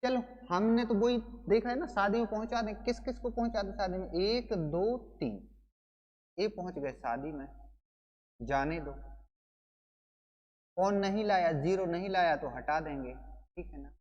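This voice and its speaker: A man's voice: high-pitched, moderate pace, darkish tone, in a large hall, lo-fi sound. A male teacher giving an exam coaching lesson, playful and chatty, who keeps calling his students brother and explains with wedding and party stories.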